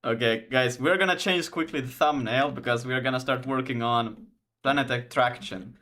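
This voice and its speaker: A man's voice: medium pitch, moderate pace, bright, forceful tone. Swedish-accented man thinking aloud while coding. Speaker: programmer hosting a coding video. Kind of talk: casual coding chat.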